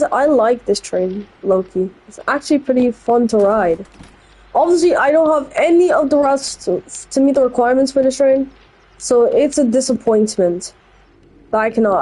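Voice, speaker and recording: A woman's voice: a little high, warm tone, husky, poor audio. Rambling, opinionated woman narrating gameplay. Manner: rambling, blunt and opinionated, quick asides. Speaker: gameplay channel host. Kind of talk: casual gameplay commentary.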